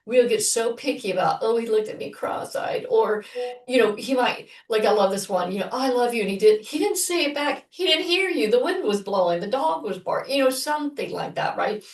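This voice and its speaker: A woman's voice: a little high, brisk, distant mic. A woman co-hosting a relationship podcast, speaking animatedly and acting out what others say in casual conversation. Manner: animated, quotes people in voices. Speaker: relationship therapist and co-host. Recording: echoey room, somewhat off-mic.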